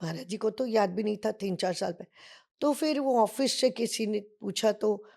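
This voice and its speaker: Gravelly-voiced older woman. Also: mid-range voice, normal speed. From Bengal. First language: Bengali. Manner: lively anecdotal storytelling, acting out others' voices; mixes English phrases into her speech. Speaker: podcast guest, Kathak dancer. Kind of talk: storytelling interview.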